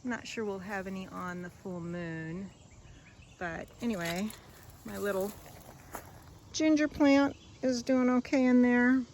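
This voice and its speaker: With a mid-range, darkish voice, measured pace and frequent pauses, a gardening vlogger strolls through her garden outdoors. She chats casually and without a script, musing, rambling and trailing off as she shows things. Faint crickets and insects hum in the background.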